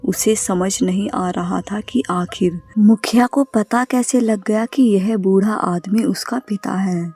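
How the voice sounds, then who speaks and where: A woman narrating a scripted horror story in a slow, even storytelling manner. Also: medium pitch, slightly rough, no room sound. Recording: faint background music.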